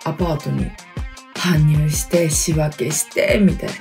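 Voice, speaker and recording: A woman around thirty from Hokkaido, hosting her own podcast with chatty, self-deprecating solo talk, speaking quietly from inside a closet. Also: low-pitched, steady tone, a little slow, creaky, music in the background. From Hokkaido, Japan. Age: 30s. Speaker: podcast host. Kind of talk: casual solo podcast chat. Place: inside a closet in a wooden apartment studio. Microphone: computer mic in closet.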